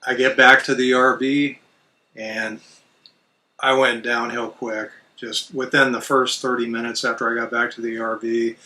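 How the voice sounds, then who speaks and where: A middle-aged man telling a personal story as a vlogger, in a casual, plain-spoken and measured manner. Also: medium pitch, flat delivery, sharp tone, distant mic. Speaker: vlogger recounting RV life.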